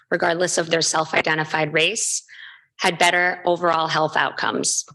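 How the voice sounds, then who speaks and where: Female researcher for a formal seminar talk: low register, scripted delivery with the odd slip. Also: fairly bright tone, rough recording. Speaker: postdoctoral researcher presenting. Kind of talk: academic research presentation.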